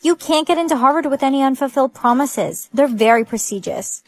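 High synthetic woman's voice, evenly paced. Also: expressive, a little fast, darkish tone. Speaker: storyteller. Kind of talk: text-to-speech skit narration.

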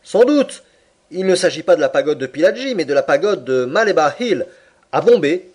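A man doing an excitable young French manservant. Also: a little high, moderate pace, husky, voice pushed up. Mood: indignant. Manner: impetuous outbursts. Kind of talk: audiobook character reading.

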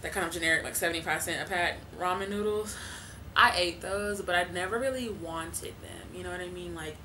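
A woman's voice: fairly low pitch, a little fast, pushed and bright, a little hiss or hum, poor audio. A woman in her twenties chatting casually to camera from her living room, talking loosely with lots of fillers and laughs. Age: 20s. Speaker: vlogger.

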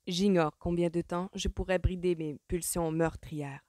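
A woman's voice: on the low side, moderate pace, mellow, dry recording, studio quality, natural voice. A woman voicing a hot-tempered young man who grumbles and snaps at his sister, in a French audiobook. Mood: furious. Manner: grumbling, gruff.

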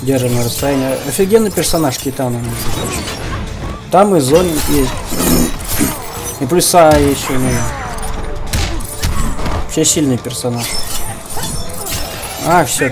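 A man's voice: medium pitch, moderate pace, pauses often. A man giving casual gameplay commentary, muttering running remarks to his opponent as he plays. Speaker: gamer commentating own online matches. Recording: game music behind the voice. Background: fighting game music and sound.

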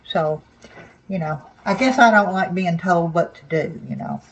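An older woman with soft, slightly slurred toothless speech, chatting casually to camera in a folksy, plain-spoken, rambling way in her kitchen. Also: on the low side, measured pace, lo-fi sound, a little hiss or hum. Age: older, 60s or above. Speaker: home cooking vlogger. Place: small home kitchen, indoors.

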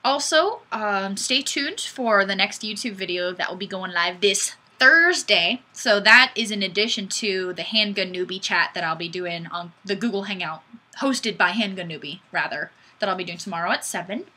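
A woman in her twenties hosts a casual webcam livestream from a small indoor room with a plain wall, goofily chatting and reading viewer comments aloud. Her voice sits at medium pitch with a moderate pace, recorded on the webcam mic. She comes across bubbly and goofy, breaking into bursts of squealing excitement.

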